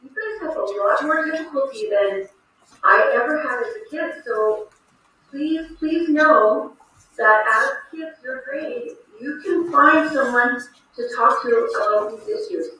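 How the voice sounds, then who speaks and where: A woman's voice: sits high, a little slow, pushed and bright. A middle-aged woman talking from a small hospital room as a teacher on a video call, encouraging and plain-spoken, addressing young listeners directly with rhetorical questions. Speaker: online resource teacher speaking to students. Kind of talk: video call question-and-answer talk to teenagers. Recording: very echoey room, distant mic.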